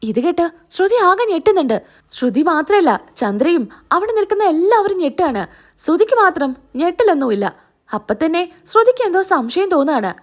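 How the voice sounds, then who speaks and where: A woman's voice: very high-pitched, sing-song, a little fast. A woman hosting a channel, retelling a serial episode in a casual storytelling way and acting out the quoted lines.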